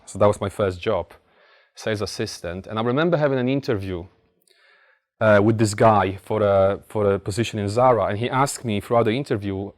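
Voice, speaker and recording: A man from Poland with a Polish accent giving a blunt, informal motivational talk, telling stories with emphatic repetition. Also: on the low side. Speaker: motivational speaker. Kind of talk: motivational talk to a live audience.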